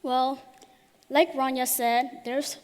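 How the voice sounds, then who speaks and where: A teenage girl from Thailand giving an earnest, prepared talk on stage, her phrasing a little halting. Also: high-pitched, steady tone, long reverb tail. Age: teens. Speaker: youth speaker. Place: large hall.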